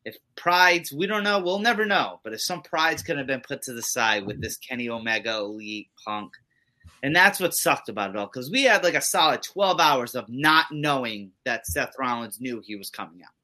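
A man co-hosting a casual wrestling podcast, talking in an animated, rambling way. His pitch swings widely, and his voice has a bright, forward tone. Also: normal speed. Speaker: podcast co-host.

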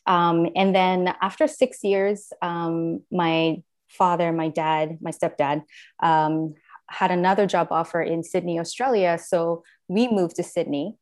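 A Japanese woman in her thirties, a native Japanese speaker with a slight accent, tells her story as a guest in a casual interview. Her lowish, darkish voice stays steady and unhurried as she rambles, using many fillers and correcting herself.

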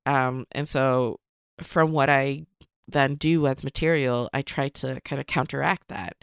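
A Swedish woman comedian, a native Swedish speaker, talks thoughtfully as a guest on a casual podcast, with fillers and restarts. Her voice is very deep, creaky, clear and resonant, with fairly even intonation and a measured pace. The recording is dry, with clean studio sound.

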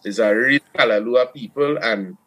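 Speaking at a moderate pace in a mid-range voice, a Trinidadian-accented man from Trinidad, a steelpan player and producer, gives a casual interview. He's lively, restarting often and saying "you know" a lot.

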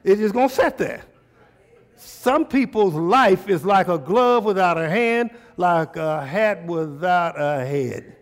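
A man's voice: high-pitched, expressive, slow pace. An American man preaching a sermon conversationally and emphatically, repeating phrases and putting questions to his listeners. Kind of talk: sermon with call and response.

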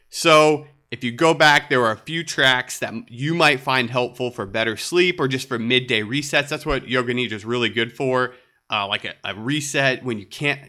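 A man hosting a solo podcast episode in a laid-back, upbeat way, sounding a bit nasal from a cold and often tossing in a quick "right?". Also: medium pitch, bright, forceful tone. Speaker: podcast host.

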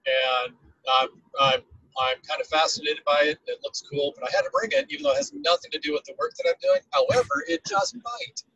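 A man's voice: extremely high pitch, expressive, a little fast, gravelly, pushed and bright, no echo. Man sounding boxed inside a tin can. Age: 60s. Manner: rambling, hesitant, trailing off mid-thought. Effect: tinny, boxed-in sound as if inside a tin can. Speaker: podcast co-host. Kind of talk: casual chat. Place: inside a rental car on the road. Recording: dull lo-fi remote line from a car.

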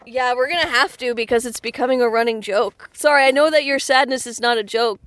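A woman's voice: a little high, fairly quick, fairly bright tone, no room sound. A woman co-hosting a travel vlog, chatting playfully with friends in a car. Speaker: vlog co-host. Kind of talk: casual chat.

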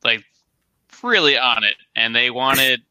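A man's voice: mid-range voice, slow pace, bright, forceful tone, clean tone, no room sound. A man co-hosting an online talk show, chatting casually as a store owner, rambling and repeating his words. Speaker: podcast co-host, toy brick store owner. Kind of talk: casual chat.

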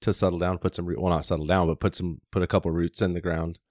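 A man hosting a casual interview, relaxed and agreeable, rambling a little. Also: low voice, fast, no room sound, clean studio sound. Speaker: podcast host.

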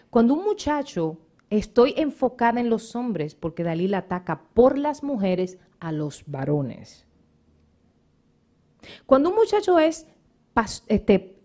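A woman's voice: on the high side, warm tone. A middle-aged woman pastor preaching a sermon, speaking straight at her congregation and calling out members by name.

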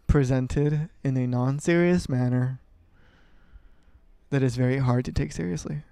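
A man co-hosting a podcast in a casual review chat, with a deadpan, skeptical way of talking. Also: medium pitch, unhurried, creaky, clear, resonant tone, no echo, clean studio sound. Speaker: podcast co-host.

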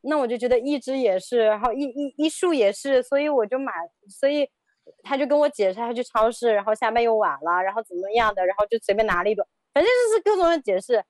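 A woman in her thirties recounts a personal story for an interview. She speaks in a fairly high voice, hesitant and prone to repeating words, with laughter breaking in. The sound is dry and close, with no room echo. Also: animated, fast.

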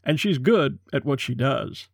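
A man's voice: medium pitch, expressive, a little slow, vocal fry, husky, no room sound. Dry-voiced American man hosting a podcast. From USA. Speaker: podcast host. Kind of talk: scripted podcast introduction.

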